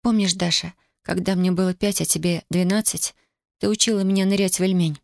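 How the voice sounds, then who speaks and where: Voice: mid-range voice, steady tone, a little fast, gravelly, dry recording, lightly acted. A reader voicing a stubborn young woman grieving in wartime, in a dry studio audiobook recording. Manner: cold, insistent, pleading. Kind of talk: audiobook character voice.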